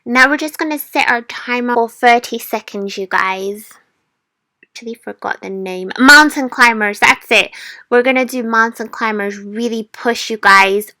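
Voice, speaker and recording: Bright, high-voiced woman coaching a workout. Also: moderate pace, no echo. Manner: encouraging, motivational cheering-on; addresses listeners informally as a group. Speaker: fitness instructor. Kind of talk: guided workout instruction to viewers.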